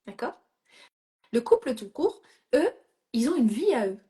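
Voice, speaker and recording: A woman's voice: fairly high pitch, big pitch swings, measured pace, dark tone. A middle-aged woman coaching a participant in a live session, directive and reassuring, checking in often with "d'accord?" and slipping English phrases into her French.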